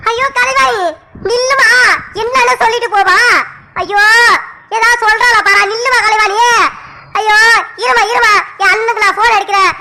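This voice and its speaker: A woman's voice: very high-pitched, steady tone, normal speed, background noise. A woman voicing a fretful middle-aged village mother in a cartoon, scolding and fussing with frequent exclamations. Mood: alarmed. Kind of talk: cartoon voice acting.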